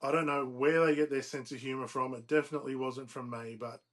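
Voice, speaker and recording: A man, a podcast guest, chatting in a halting way with many restarts. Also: medium pitch, steady tone, fairly bright tone. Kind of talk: casual podcast chat.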